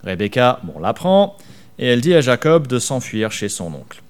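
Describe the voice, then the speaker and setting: A man's voice: mid-range voice, big pitch swings, moderate pace. A man preaching a sermon conversationally, asking his listeners questions and acting out his own worries. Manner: conversational, rhetorical questions, acts out worries in whispers. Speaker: pastor.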